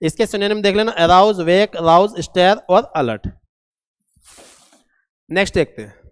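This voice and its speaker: A man's voice: high voice, moderate pace, clean tone, big-room sound. A man teaching an English vocabulary lesson, repeating key words and quizzing his students.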